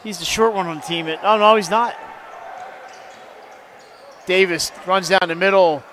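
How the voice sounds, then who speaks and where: Guy doing play-by-play for a hoops game, high voice, bit of gym noise behind, cracks jokes. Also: a bit bright. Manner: quick, jokey calls that rise on big plays. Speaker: play-by-play announcer. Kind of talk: live basketball play-by-play commentary.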